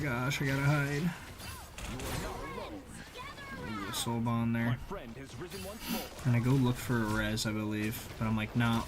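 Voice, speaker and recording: Heavy background noise, including game music and effects, surrounds a young gaming video creator's voice-over. In a medium-pitched voice he offers casual, slang-filled play-by-play on his gameplay.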